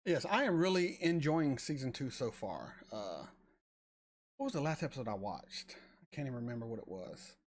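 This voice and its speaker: A man's voice: mid-range voice, sing-song. A man in his forties chatting casually on a live stream, answering viewers and often stumbling over repeated words. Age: 40s. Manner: rambling, halting with repeated words. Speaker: reaction channel host reading chat.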